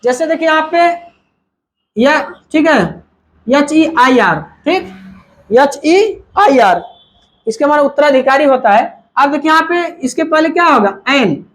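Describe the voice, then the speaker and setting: A man's voice: extremely high pitch, lively intonation, a little slow, fairly bright tone. A male teacher giving a whiteboard grammar lesson, asking and answering his own questions and mixing Hindi with English terms.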